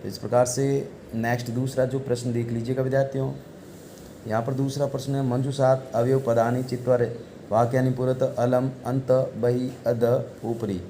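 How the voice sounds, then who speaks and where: A man's voice: mid-range voice, little pitch movement, normal speed, warm tone, a little hiss or hum. A male teacher giving an online class lesson, reading Sanskrit text aloud and explaining it in Hindi, asking the class questions and answering them himself.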